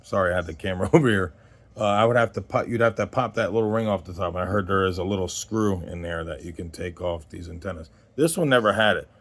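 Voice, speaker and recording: A man in his forties hosts a casual, unscripted gear review, speaking fast in a low voice. He rambles conversationally and trails off mid-thought.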